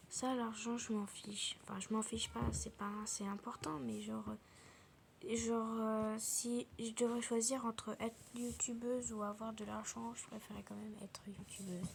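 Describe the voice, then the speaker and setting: Soft-voiced girl chatting over gameplay. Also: a little high, little pitch movement, a little slow, vocal fry, slight background noise. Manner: soft, often whispering, many fillers like genre and euh. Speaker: gaming video creator. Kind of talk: casual gameplay chat.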